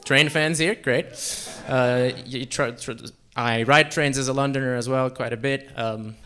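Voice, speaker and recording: Bright-voiced stand-up comic from Central Europe. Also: male voice, mid-range voice, a little slow, clear, resonant tone. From Czech Republic and Slovakia. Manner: deadpan, self-deprecating, with fillers. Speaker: stand-up comedian. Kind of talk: stand-up comedy set. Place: comedy club stage.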